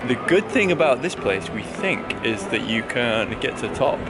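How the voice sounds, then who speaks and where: A man's voice: medium pitch, very animated, normal speed, heavy background noise. A young man narrating a travel vlog with dry, joking asides while filming outdoors on a handheld camera. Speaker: travel vlogger. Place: outdoors on hilltops and city streets. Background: music.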